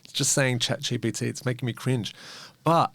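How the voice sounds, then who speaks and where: A man co-hosting a podcast in casual chat, rambling and animated, swearing freely. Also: mid-range voice, moderate pace, gravelly, dry recording. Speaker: podcast co-host.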